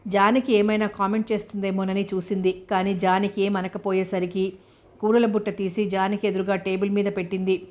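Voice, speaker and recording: A woman narrating a serialized novel as an audiobook, in a steady, measured manner. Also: mid-range voice.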